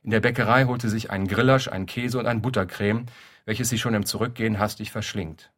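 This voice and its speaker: A man reading a literary story aloud in a dry, deadpan narrating manner. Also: lowish voice, fast talker. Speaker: reader.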